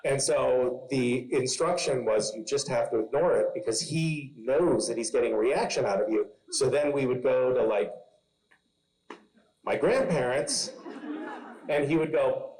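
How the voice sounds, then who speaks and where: A man's voice: medium pitch, measured pace, darkish tone, rough recording. A man on a convention panel telling funny stories about his kids, laughing as he goes and acting out the voices. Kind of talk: funny anecdote telling on stage.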